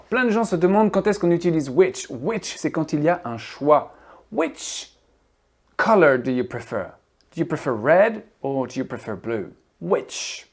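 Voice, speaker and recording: A woman teaching English grammar in a quick, playful video lesson, acting out example questions as she goes. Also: deep voice, darkish tone.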